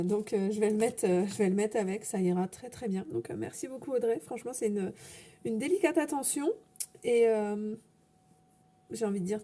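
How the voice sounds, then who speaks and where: Chatty woman with a dark, husky voice. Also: on the high side. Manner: chatty, hesitant, many fillers and soft laughs. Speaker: scrapbooking vlogger. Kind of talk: casual unboxing chat.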